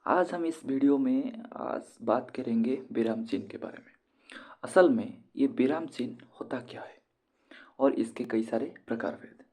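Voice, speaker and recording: A man with an Indian accent teaching Hindi grammar to students, explaining slowly and repeating key terms. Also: medium pitch, darkish tone, husky.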